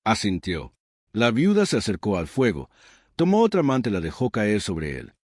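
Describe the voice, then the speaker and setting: A man's voice: lowish voice, huge pitch swings, moderate pace, no echo, clean studio sound. A man narrating a dramatic story in a solemn, scripted storytelling style.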